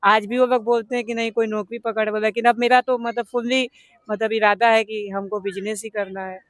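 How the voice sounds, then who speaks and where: A man's voice: sits high, level tone, normal speed, a bit bright, dry recording, clean studio sound. A young man with a Banaras Hindi accent, answering interview questions earnestly, rambling with many fillers. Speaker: interviewed business owner.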